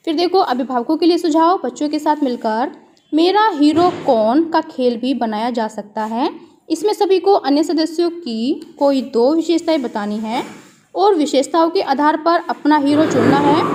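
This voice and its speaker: A woman with a high voice teaching young children from a worksheet. She asks simple questions, answers them herself and spells words out slowly, letter by letter. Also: darkish tone, slight background noise.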